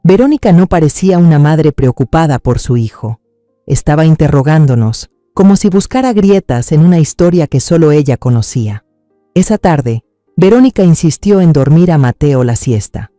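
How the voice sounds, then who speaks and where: A man narrating a family drama in a measured, somber, suspenseful way. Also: on the high side, lively intonation, mellow, no room sound, studio quality, faint music behind.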